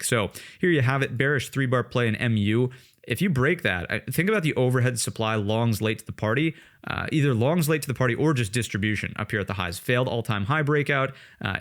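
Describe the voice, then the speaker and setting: A man's voice: fairly low pitch, fairly bright tone. A man talking through stock charts on a screen share, conversational, with lots of fillers and "right?" check-ins. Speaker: trading educator. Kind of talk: screen-share market analysis.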